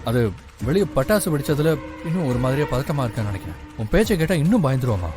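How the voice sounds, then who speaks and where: Actor doing a brisk, reassuring son with a lively delivery, TV serial, with a music bed. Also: male voice, medium pitch, natural voice. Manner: soothing, dismissive of worries. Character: calm reassuring grown son.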